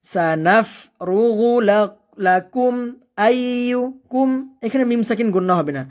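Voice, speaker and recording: Teacher chanting slowly, then explaining briskly. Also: mid-range voice. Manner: leads the learner, asking and answering its own questions. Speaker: Quran recitation teacher. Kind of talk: step-by-step recitation lesson.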